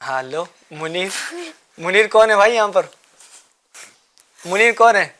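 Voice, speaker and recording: A man hosting a children's religious show, coaxing the kids with repeated questions and gentle teasing. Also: high-pitched, lively intonation. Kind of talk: quizzing children in a studio class.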